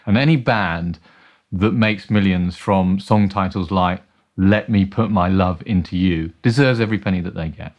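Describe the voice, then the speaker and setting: A man telling wry, animated stories in a documentary interview. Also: lowish voice. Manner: animated, wry anecdotes with playful quoted voices. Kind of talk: storytelling interview.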